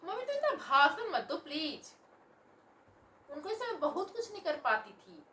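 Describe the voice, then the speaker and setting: A woman acting as a sulky, defiant young married daughter who whines and brushes off her mother's advice. Her voice is high-pitched, and it sounds roomy and a little far from the mic. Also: big pitch swings, moderate pace, pushed and bright, a little hiss or hum, exaggerated voice. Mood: petulant defiant. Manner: petulant, whining, dismissive. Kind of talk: home family drama acting. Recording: roomy echo, voice from a distance.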